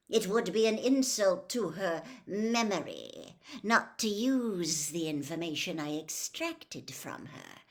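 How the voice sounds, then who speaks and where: A woman voicing a cold, cruel dark lord from a storybook, silky, mocking and deliberate. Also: mid-range voice. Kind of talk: storybook villain read aloud.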